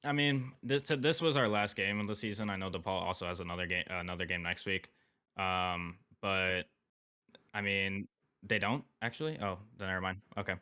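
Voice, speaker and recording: Young gamer guy, deep but really nasal like his nose is plugged, bright clear voice, casual post-match chat. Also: steady tone, normal speed. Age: young adult. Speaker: esports player.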